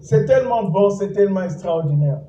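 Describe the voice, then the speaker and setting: A man's sermon fills an echoey church hall, caught by a distant mic with dull sound and a little hiss or hum. His voice sits high with a dark tone, and he speaks expressively and fairly quickly. As pastor he exhorts, repeats phrases and calls for responses from the congregation.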